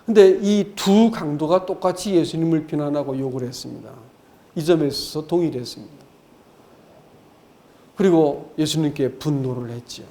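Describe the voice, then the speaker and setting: Male pastor, mellow and fairly high-pitched, preaching with emphasis and direct address to the flock. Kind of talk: sermon.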